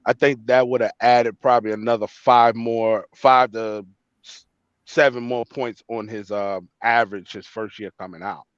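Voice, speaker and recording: A man's voice: mid-range voice, fairly even intonation, moderate pace, clean tone, no echo. A man arguing in a casual sports debate, stumbling and repeating words as he builds his point. The sound is dry and dull, with no room at all. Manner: hesitant, repeats words as he argues. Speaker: sports talk co-host.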